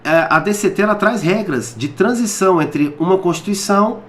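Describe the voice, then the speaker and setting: A man's voice: high voice, normal speed, fairly bright tone, roomy sound. A man with a Brazilian Portuguese accent teaching a recorded law lecture, explaining step by step, asking rhetorical questions and checking in with "tá?" after nearly every point.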